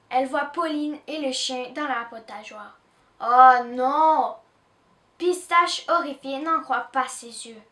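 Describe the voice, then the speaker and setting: A woman from Canada reading a children's storybook aloud in an expressive way, recorded with a roomy echo from a distant mic. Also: sits high. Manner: expressive, with small restarts. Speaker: children's book reader.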